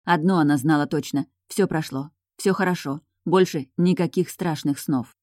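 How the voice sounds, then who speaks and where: A woman reading an audiobook in a calm, measured narrating voice. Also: deep voice, no room sound, clean studio sound. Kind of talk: scripted narration.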